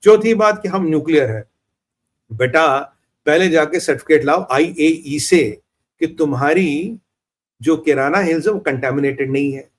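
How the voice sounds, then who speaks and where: A man's voice: fairly high pitch, moderate pace. A man with an Indian accent speaking as a guest commentator on a political talk show, blunt, combative and mocking.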